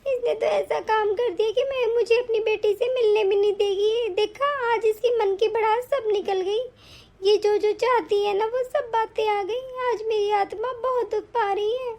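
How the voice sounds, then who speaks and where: A woman voicing a bitter, self-pitying older mother-in-law in an animated story, complaining and reproachful. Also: very high voice, normal speed.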